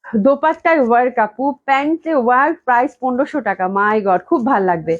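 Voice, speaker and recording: Fast-talking, gushing woman seller. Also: high voice, animated, muffled recording. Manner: gushing, enthusiastic, repeats praise. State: recovering from a cold, coughing. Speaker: clothing shop owner selling dresses live. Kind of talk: live online sales stream. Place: indoors at the company office.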